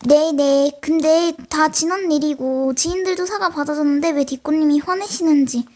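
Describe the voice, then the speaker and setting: A woman's voice: high-pitched, normal speed, darkish tone. A teenage girl with a mild sore throat, playing a livestreamer who chats with and scolds imagined viewers in a scripted role-play. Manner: talks straight to imagined chat viewers, scolding and chatty. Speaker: solo role-play creator.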